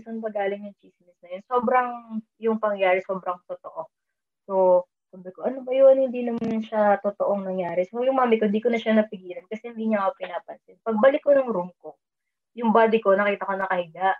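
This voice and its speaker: A woman's voice: mid-range voice, brisk. A woman casually telling a personal story, mixing English into her talk and raising her voice when she quotes herself. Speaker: storyteller sharing a dream experience. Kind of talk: casual chat. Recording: tinny phone-like line.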